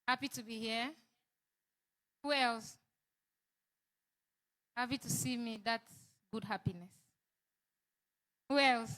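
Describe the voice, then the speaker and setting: A woman's voice: fairly high pitch, slow, long pauses, fairly bright tone. A woman hosting a seminar, welcoming the audience, asking them questions and echoing their answers. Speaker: seminar host.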